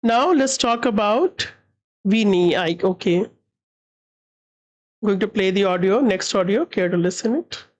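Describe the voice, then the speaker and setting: Teacher, woman, halting delivery, very slow. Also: medium pitch, animated. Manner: slow, halting explanations mixing English and Spanish. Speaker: language teacher. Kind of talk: explaining a textbook dialogue.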